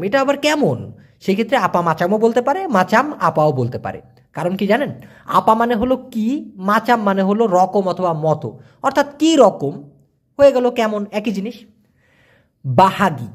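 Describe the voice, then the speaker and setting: A man teaching a casual language lesson, repeating and spelling out words for learners. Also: high voice.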